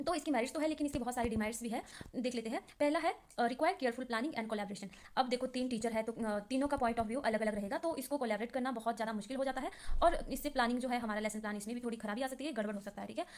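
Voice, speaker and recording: A fast-talking young woman runs through revision notes like a trainee teacher, her voice sitting a little high. She explains in a loose, chatty way, full of fillers and restarts. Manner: chatty explaining with many fillers, reads English definitions slowly. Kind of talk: casual exam-revision lesson.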